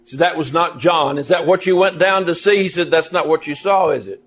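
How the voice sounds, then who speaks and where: A man's voice: a little high, a little fast, slight background noise. A middle-aged male preacher giving a sermon, telling stories and briefly mimicking other people's voices. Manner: animated storytelling, mimics voices in quotes.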